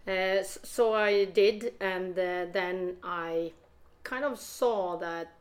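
A woman's voice: lowish voice, takes it slowly. A Swedish woman in her fifties with a Swedish accent, speaking English as a guest investor, hesitant with many fillers. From northern Sweden. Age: 50s. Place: studio.

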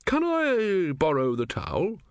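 A man voicing an absent-minded old male philosopher who talks in a vague, excitable way. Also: unhurried, clear, resonant tone, dry recording, studio quality, exaggerated voice. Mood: dotty. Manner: vague, excitable, high and wavering.

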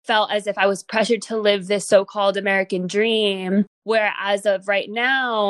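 A woman's voice: medium pitch, fairly bright tone, no room sound. A young woman from Guatemala talking as an interview guest, reflective and earnest, with fillers and restarts. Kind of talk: casual interview talk.

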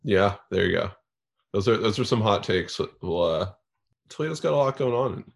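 A man with a very deep voice, talking sports as a podcast guest. He stammers and restarts often, slipping dry jokes into the chat. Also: lively intonation, vocal fry. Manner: halting, repeats words, dry humor.

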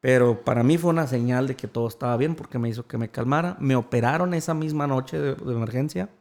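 A man's voice: mid-range voice, fast talker, darkish tone. A man, an interview guest earnestly retelling a personal story and quoting the voices of others.

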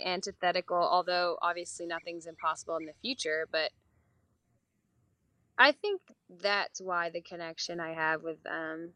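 A woman's voice: lowish voice, fairly bright tone, no room sound. A young woman from Europe, raised in Paris, answering candidly and at length as a guest musician in a casual interview. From Europe, born in Italy, raised mostly in Paris. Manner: chatty, candid, long-winded answers.

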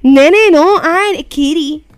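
A woman's voice: high-pitched, very slow, no room sound. A young Puerto Rican woman chatting casually and slangily in Spanglish, mixing English phrases into Spanish and swearing freely. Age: young adult. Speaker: podcast host. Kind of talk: casual chat.

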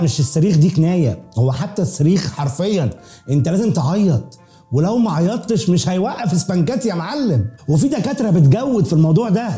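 A young man with an Egyptian accent races through a comic podcast monologue, his voice dark and mellow yet pitched a little high. He tells it in animated, slangy bursts, with faint music under him. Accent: Egyptian Arabic. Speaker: podcast host.

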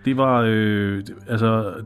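A man's voice: fairly low pitch, steady tone, smooth, faint music behind. A man in casual podcast chat, recapping a TV episode, swearing casually and acting out the characters' lines. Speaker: podcast co-host.

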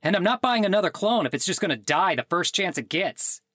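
A man's voice: high-pitched, big pitch swings, brisk, bright, forceful tone, no room sound, studio quality, heavily acted. An actor playing an exasperated man whose clone died, sarcastic and indignant in a comedic audio drama.

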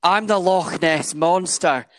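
A man's voice: high voice, takes it slowly, background noise, pitched above the performer's own voice. A drag queen with a Scottish accent, mimicking a Scottish contestant's catchphrase. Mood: sassy.

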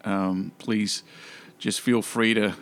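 A man's voice: on the low side, little pitch movement, slow pace. A man hosting an interview, affirming and admiring toward his guest. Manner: warm, admiring, affirming listener. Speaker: podcast host, interviewer. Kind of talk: interview conversation.

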